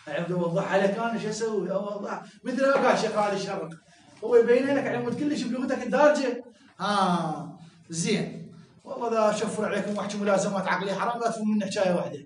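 High-voiced Iraqi man teaching in an echoey room. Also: recorded from a distance, a little hiss or hum. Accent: Iraqi Arabic. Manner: explains step by step, keeps checking "clear?" and jokes with students. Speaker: seminary teacher. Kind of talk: classroom lecture.

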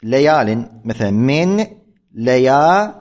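Male grammar teacher, medium pitch, patient lecturer who repeats points and self-corrects. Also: sing-song, slow pace, darkish tone. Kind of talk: classroom lecture.

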